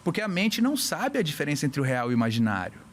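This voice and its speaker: A man from Brazil, a hypnotherapist on a casual podcast, explaining with lively little acted-out scenes. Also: a little high, fast talker, a little hiss or hum. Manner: animated, acts out little scenes with voices. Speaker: hypnotherapist guest.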